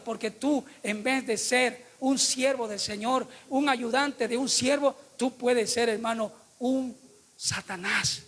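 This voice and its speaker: A man's voice: very high voice, a bit bright. A man preaching a sermon to his congregation, emphatic and full of rhetorical questions put to the listeners.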